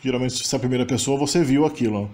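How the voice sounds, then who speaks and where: A man's voice: mid-range voice, very fast, a little mellow. Brazilian man explaining a language lesson. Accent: Brazilian Portuguese. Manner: self-correcting, explains terms step by step. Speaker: linguistics channel host.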